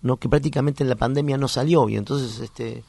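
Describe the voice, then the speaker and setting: A man, a child psychoanalyst, telling a clinical story in a lively way and acting out the voices. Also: medium pitch, a little fast, creaky, husky, no echo. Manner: animated, acts out voices and sounds in anecdotes. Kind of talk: conversational storytelling.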